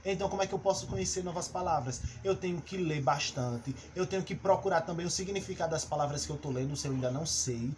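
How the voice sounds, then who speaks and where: This recorded class features a Brazilian male teacher explaining his lesson stepwise, with frequent fillers and restarts. His voice is a little high with a darkish tone, and faint noise can be heard behind it.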